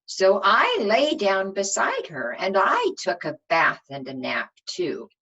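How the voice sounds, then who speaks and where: A teacher reads a storybook aloud to young children, expressive and in simple language, stopping to ask them questions. Her voice is mid-range, and the recording has its highs cut off.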